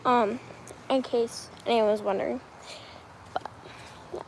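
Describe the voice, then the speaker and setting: A woman's voice: a little high, fairly even intonation, unhurried, noisy background. A woman chatting casually on a livestream from her balcony, rambling with lots of fillers. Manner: rambling, filler-heavy talk. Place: outdoors on a balcony.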